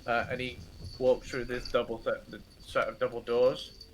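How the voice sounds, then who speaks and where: A man improvising narration as a tabletop game master, halting and informal, with the odd mild swear. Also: mid-range voice, level tone, slight background noise.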